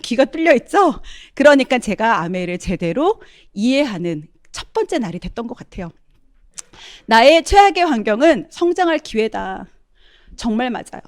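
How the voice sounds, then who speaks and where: Woman, middle-aged, testimonial speech, addresses the audience, animated, bit high voice, dry close mic. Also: dry recording. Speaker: speaker giving a testimonial talk.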